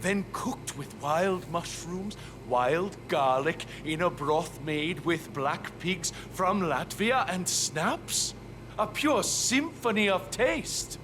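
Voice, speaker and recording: A man's voice: high voice, expressive, background noise. An actor playing a boastful male chef who savors every word. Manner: slow, heavily accented, savoring every word. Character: boastful male chef, slow and self-assured. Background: game music.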